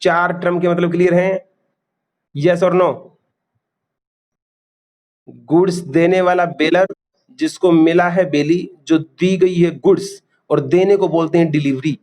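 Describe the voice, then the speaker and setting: A man's voice: sits high, fairly even intonation, takes it slowly, long pauses, darkish tone. A man teaching a class, quizzing students and repeating key terms. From India. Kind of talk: classroom lecture.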